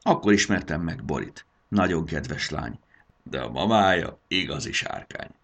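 A man voicing an eager young male dragon who talks in a hurried, coaxing way in a storybook reading. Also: extremely low pitch, animated, fairly bright tone, full character voice.

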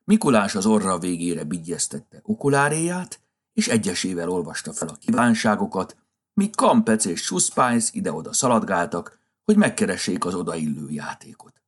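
Deep, husky male storyteller. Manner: expressive, lilting storytelling. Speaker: narrator. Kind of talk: storybook narration.

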